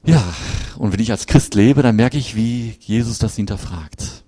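A man's voice: on the low side, moderate pace, mellow, no echo. A middle-aged man preaching a sermon in a conversational way, often turning to his listeners with short questions.

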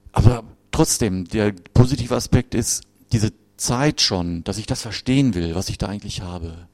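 A man's voice: on the low side, a little mellow, no echo. A middle-aged man preaching a sermon in a conversational way, often turning to his listeners with short questions.

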